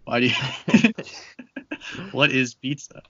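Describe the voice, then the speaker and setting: A man's voice: mid-range voice, lively intonation, slow pace, sharp tone, breathy edge, highs cut off. A man hosting a casual podcast chat, joking and loose, with plenty of fillers. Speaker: podcast host.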